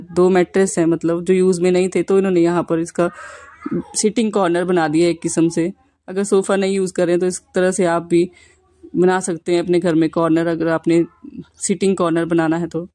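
A woman's voice: fairly low pitch, warm tone. A woman in her thirties, a vlogger chatting casually as she walks through a rented apartment and points out the rooms. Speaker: vlogger giving a home tour. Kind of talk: casual home tour narration.

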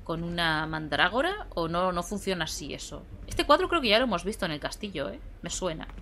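A woman's voice: on the low side, sing-song, fairly quick, fairly bright tone, a little hiss or hum. A young woman giving casual, playful gameplay commentary, chatting to herself as she plays. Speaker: gameplay streamer. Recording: game music behind.

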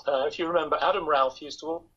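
This older man has a fairly high, somewhat bright and husky voice, speaking fast in a steady tone. He's a home-based interview guest on a video call, chatting aimlessly and teasing himself. The recording, made through a laptop webcam, is dull and lo-fi.

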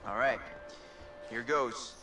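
A man's voice: mid-range voice, slow, music in the background, lightly acted, low-quality recording. An actor voicing a cocky, playful young male college student in a video game. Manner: joking, playful. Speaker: game character.

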